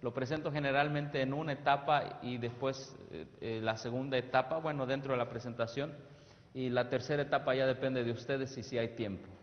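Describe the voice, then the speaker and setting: A man's voice: medium pitch, steady tone, a little fast. A man giving a sermon-style presentation on youth ministry, emphatic and asking the audience questions that they answer. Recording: reverberant hall, dull lo-fi sound.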